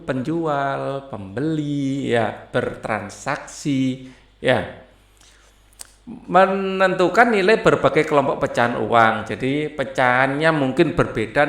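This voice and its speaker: A man's voice: mid-range voice, pushed and bright, roomy sound. A man tutoring primary pupils through a textbook, explaining step by step and often checking in with "ya". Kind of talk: walking through a school textbook.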